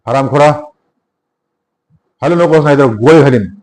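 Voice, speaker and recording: A man's voice: medium pitch, normal speed, close to an everyday voice. A man reading a scornful police inspector. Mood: angry. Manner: loud, scornful, commanding. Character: stern mocking male police inspector.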